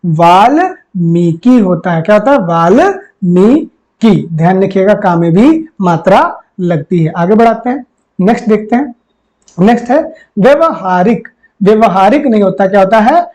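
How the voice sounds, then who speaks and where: In a rough recording, an exam tutor teaches Hindi spelling and vocabulary, saying each word again and asking viewers questions while addressing them as friends. His voice is high, a little mellow, with lively intonation at a normal speed.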